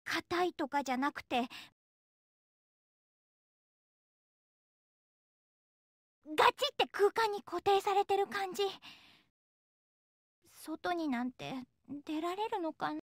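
A woman playing a frightened teenage schoolgirl in a Japanese horror game, girlish and expressive in her fearful delivery. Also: very high-pitched, a little slow, no room sound, studio quality. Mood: dejected.

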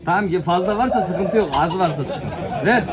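A man's voice: high voice, lively intonation, fairly quick. A man talking casually back and forth with others at an auction. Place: indoor poultry auction hall. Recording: busy crowd, birds behind. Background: crowd chatter, chickens and pigeons.

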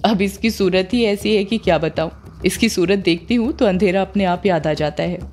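A woman's voice: mid-range voice, normal speed, darkish tone, faint music behind, close to an everyday voice. A woman voicing a scheming middle-aged mother who talks in a sweetly evasive, coaxing way, as in a storybook reading. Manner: coaxing, falsely affectionate.

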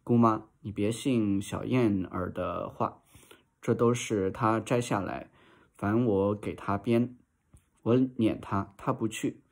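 A teasing, quick-tempered young maid, read by a man banters and snaps in turn. The delivery is slow and lowish, as in a storybook reading. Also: vocal fry, full character voice. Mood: bantering.

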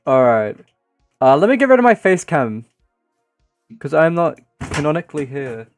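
A man's voice: a little high, sing-song, moderate pace, faint music behind. A man streaming a game and chatting casually over the play. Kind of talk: casual gameplay chat. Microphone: streaming setup with face cam.

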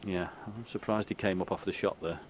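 Male commentator for snooker, deep and quiet, reflective pacing, over noticeable hall noise. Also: fairly even intonation, a little fast. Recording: noisy arena ambience behind voice. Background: snooker arena ambience.

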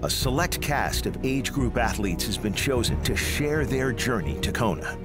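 A man reading scripted documentary narration in a measured, dramatic way. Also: medium pitch, expressive. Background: music.

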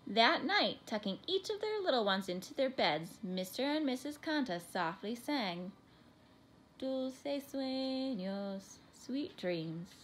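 A woman reading a children's picture book aloud in an expressive, animated way. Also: fairly high pitch, moderate pace, few pauses, a little hiss or hum. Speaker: storybook reader.

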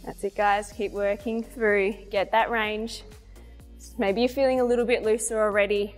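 Guiding a home workout, a young woman who teaches fitness offers encouraging cues and counts as she demonstrates the movements. She speaks at normal speed with a medium pitch and level tone. The audio carries long room reverb and music in the background.

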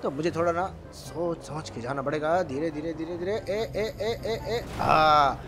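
High-voiced excitable man gaming. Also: measured pace, over music. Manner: excitable, teasing, full of exclamations. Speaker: gaming channel host. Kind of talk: playful gameplay commentary with character voices.

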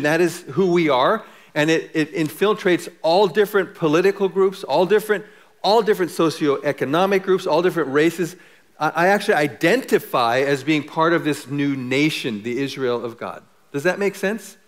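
A middle-aged man, a pastor, preaching a sermon with rising emphasis and closing in quiet prayer. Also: on the high side.

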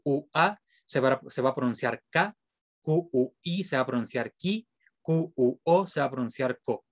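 A man teaching an online class as a French teacher, patiently spelling out sounds slowly and repeating them. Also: on the high side, no echo.

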